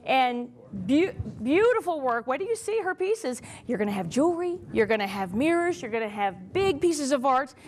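A woman's voice: high-pitched, sing-song, a little fast, hardly any pauses, a little mellow. A middle-aged woman presenting as a home shopping host, with effusive, emphatic, repetitive sales talk. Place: TV studio desk, indoors.

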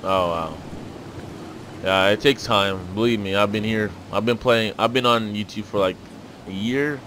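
A man with a lowish voice talks loosely while he plays, rambling between urgent, repeated callouts to a teammate. His gameplay chat rides over a noisy capture full of game sounds and clicks. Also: unhurried. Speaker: gaming YouTuber.

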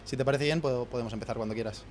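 A man's voice: medium pitch, a little mellow, a little hiss or hum. A man, a head chef explaining his recipes in a restaurant kitchen into a handheld mic, with many restarts and fillers. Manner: fast, many restarts and fillers while listing ingredients. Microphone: handheld mic held by interviewer.

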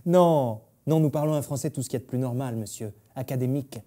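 A man's voice: medium pitch, fast talker, dark tone, close to an everyday voice. An actor playing a snooty, condescending male theatre director on stage. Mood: haughty. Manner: pompous and condescending.

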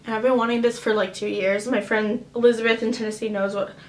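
A woman's voice: a little high, flat delivery, quick pace, a little hiss or hum. Chatty young woman in an echoey room. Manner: chatty, upbeat, many "like" and "um" fillers. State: has a cough drop in her mouth. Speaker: vlogger. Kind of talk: casual haul chat. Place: at home, indoors.

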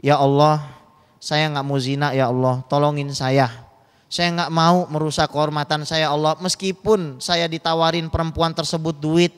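A man's voice: on the high side, level tone, moderate pace, smooth, natural voice. A man voicing a poor, pious young man from a story, in a tearful pleading prayer, with long hall reverb.

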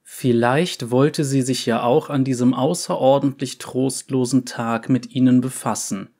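A man narrating a fantasy story in a measured, deliberate reading. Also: mid-range voice, steady tone, dark tone.

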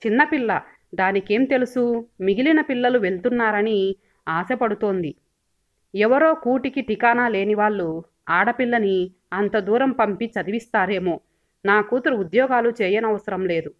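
A stern village father lays down the law in a firm, dismissive way, as a woman reads him in an audio story. The voice sits at a middle pitch. The recording is dull and lo-fi. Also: normal speed, natural voice.

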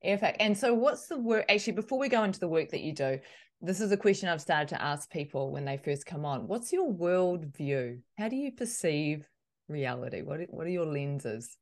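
Low-voiced woman hosting an interview. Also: lively intonation, normal speed, a little mellow. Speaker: podcast host. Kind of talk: interview host. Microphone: headset on video call.

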